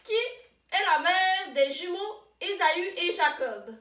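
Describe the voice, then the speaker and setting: A woman's voice: very high voice, expressive, pushed and bright, heavily acted. A woman playing a chipper quiz co-host. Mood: playful. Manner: deliberate, slow question reading. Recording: roomy sound, far from the mic.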